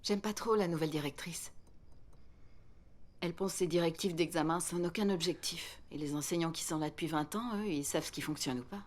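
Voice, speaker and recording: A woman plays a middle-aged wife and schoolteacher who vents about work at length. Her voice sits low, and she talks in a chatty, pointed way. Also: fairly quick, close to an everyday voice. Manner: talkative, complaining, pointed. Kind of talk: film dub.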